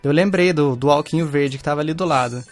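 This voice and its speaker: A man's voice: a little high, quick pace, faint music behind. A young man in casual chat, telling an anecdote with slangy fillers.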